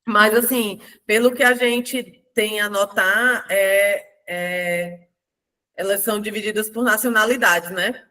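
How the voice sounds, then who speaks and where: A woman's voice: medium pitch, fairly even intonation, slow, bright, forceful tone. A woman hosting a reading group, reflecting on the book with light laughs. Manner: reflective, with laughs between points. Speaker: book club host. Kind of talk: casual group discussion.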